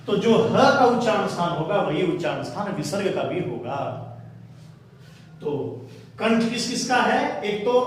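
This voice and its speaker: A man's voice: high-pitched, a bit bright, a little hiss or hum. A male Hindi teacher lecturing his students step by step, repeating key terms and addressing them fondly. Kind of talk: classroom lecture on Hindi grammar. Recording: echoey room, voice from a distance.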